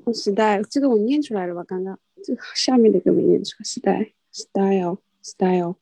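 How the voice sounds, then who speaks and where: A woman's voice: mid-range voice, fairly quick, creaky, warm tone, no room sound, rough recording. A Mandarin-speaking woman studying English, reading vocabulary aloud and hesitantly repeating words after her teacher. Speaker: adult English student.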